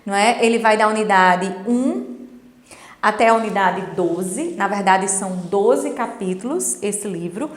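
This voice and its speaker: A middle-aged woman, an English teacher, explaining a lesson in a didactic way and checking in with her students through quick tag questions. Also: medium pitch. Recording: roomy echo with long reverb.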